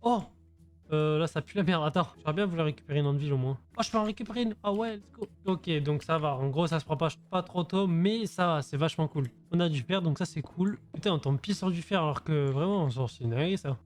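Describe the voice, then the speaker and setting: A man's voice: on the high side, quick pace. A young man giving casual, slangy gameplay commentary, thinking aloud as he goes. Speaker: gaming video creator. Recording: voice over music.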